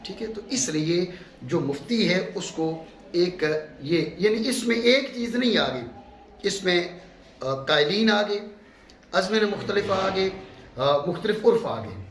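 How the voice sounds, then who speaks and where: A man's voice: sits high, expressive. A middle-aged man from Pakistan giving a classroom lecture as a religious teacher, emphatic, repeating key terms and checking in with his students. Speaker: mufti teaching a course. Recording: echoey room with faint background hum.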